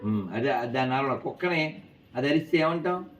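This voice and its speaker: A man telling a lively moral story to schoolchildren in an animated, coaxing way, quizzing them as he goes. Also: medium pitch, fairly quick. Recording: distant, dull with faint noise.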